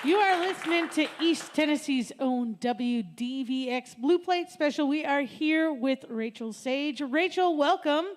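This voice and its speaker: High-voiced woman radio host. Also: a little slow, few pauses, a faint crowd, a little hiss or hum. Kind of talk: live radio hosting. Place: radio station live music stage.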